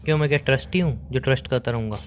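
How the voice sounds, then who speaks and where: A man's voice: medium pitch, very fast, a little hiss or hum. A young man making a prank phone call to his girlfriend, accusing her in a teasing, mock-serious way.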